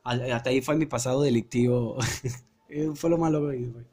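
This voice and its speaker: A man's voice: mid-range voice, fairly quick, mellow. A young man with a Venezuelan Spanish accent, joking through a story on a casual podcast. He mimics the people he talks about. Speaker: podcast co-host.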